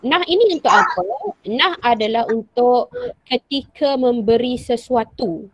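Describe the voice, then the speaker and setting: A woman's voice: a little high, animated, a little slow, no room sound. A woman primary school teacher with a Malaysian Malay accent, giving an online lesson and acting out example sentences with patient repetition. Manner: patient, repeats example sentences with acted intonation. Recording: dry, dull lo-fi sound.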